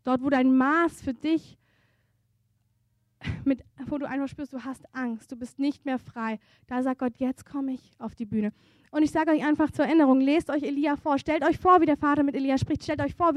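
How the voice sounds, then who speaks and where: At a church service, a woman preaches earnestly and intimately, shifting between hushed softness and fervent emphasis. Her voice is high-pitched and brisk, with no echo.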